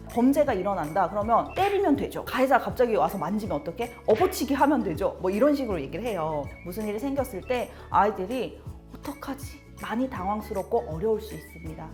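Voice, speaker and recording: Lively woman giving parenting advice. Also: mid-range voice. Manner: animated, acts out quotes of parents and children. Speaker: sex education instructor. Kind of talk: expert advice talk for parents.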